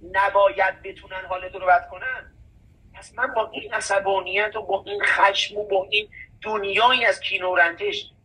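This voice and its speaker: Male host, high and bright, preachy and emphatic, mic a bit distant. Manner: emphatic, recites scripture in Arabic. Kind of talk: conversational talk, preachy.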